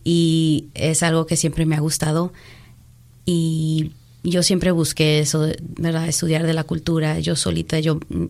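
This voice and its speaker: Slow, gravelly low-voiced woman. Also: completely flat delivery, a little mellow. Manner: hesitant, many fillers, slips into English words. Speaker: teacher and group leader. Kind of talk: casual interview talk. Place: Chicago.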